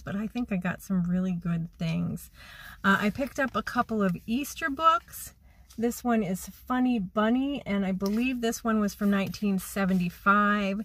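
A vintage reseller vlogger in her forties, with a medium-pitched and slightly bright voice, chats casually while shopping for vintage items. She half-murmurs prices to herself, first in an antique mall and then in her parked car, filming on a phone at arm's length.

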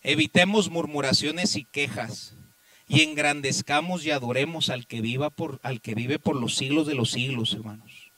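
A pastor preaching a sermon, firing rhetorical questions and swinging between loud exhortation and hushed low passages. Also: male voice, normal speed, dry recording, poor audio. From Mexico. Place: church.

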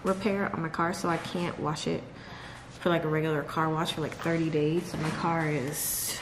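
Speaking at normal speed in a low voice with little pitch movement, a woman vlogs casually to camera, laughing a lot and talking to her dogs. She's in a large, bright living room at home, recorded by a camera on a nearby table, in an echoey room with clear background noise.

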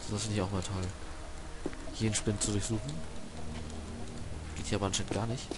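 A man's voice: lowish voice, little pitch movement, brisk. A young man giving casual, slangy gaming commentary as a Let's Play host. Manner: colloquial, slangy, mildly swearing. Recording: loud game noise behind the voice. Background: video game ambience.

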